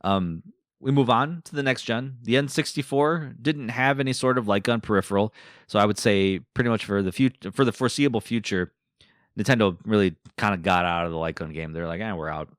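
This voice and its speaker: A man's voice: lowish voice, fairly quick, no room sound, studio quality. A man with an Eastern European accent hosting a podcast, talking casually and rambling with fillers and asides. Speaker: podcast host. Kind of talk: casual solo podcast talk.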